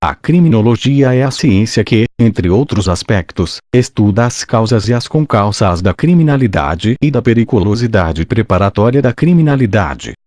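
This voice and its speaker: A robotic-sounding male narrator with a Brazilian accent reads study material aloud. His voice is on the low side and quite dark and soft-edged. The delivery is formal and measured, and the sound is very dry, with no room around it. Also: animated, no echo. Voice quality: robotic, synthetic. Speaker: narrator of an exam study summary. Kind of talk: scripted educational narration.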